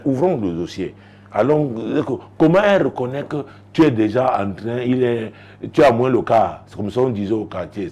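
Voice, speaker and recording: A man speaking as a pastor on a radio-style advice programme, his pitch in an ordinary middle range. He tells street anecdotes with lots of joking and laughter, and his voice climbs high when he gets excited. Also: breathy edge.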